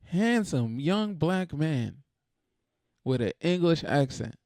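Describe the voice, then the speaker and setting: A man's voice: a little high, big pitch swings, slow, darkish tone, dry recording, studio quality. A man hosting a reaction video, talking in a blunt, profane, exasperated casual rant.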